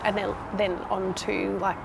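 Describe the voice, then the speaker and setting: A woman's voice: mid-range voice, level tone, measured pace, gravelly. A woman in her thirties with a Tasmanian Australian accent, answering interview questions in a casual, conversational way as a nurse manager. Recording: noticeable background noise.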